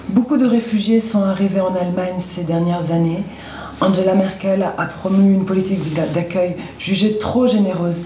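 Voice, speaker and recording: A woman asks a radio guest measured questions and helps him finish his sentences. Her voice is warm and low in brightness. There is a roomy echo and faint background noise. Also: steady tone. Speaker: radio interviewer.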